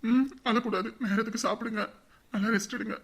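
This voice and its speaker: A man's voice: high-pitched, steady tone, brisk, fairly bright tone. An actor playing a young son working away from home, soothing and reassuring his mother. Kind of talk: Tamil web drama acting.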